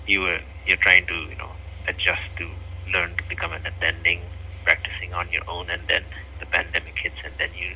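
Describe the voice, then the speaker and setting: A man from Nepal with a Nepali accent speaks earnestly as a physician guest. His voice is very low yet strikingly bright and forceful, and he hesitates often with many fillers. Faint noise runs behind him on the line. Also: monotone, a little fast, low-quality recording. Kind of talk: interview.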